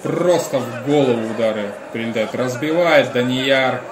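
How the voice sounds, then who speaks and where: A man's voice: medium pitch, moderate pace, a crowd in the background. A man giving live commentary on a combat sports bout as the lead commentator. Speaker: fight commentator. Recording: roomy echo, music behind.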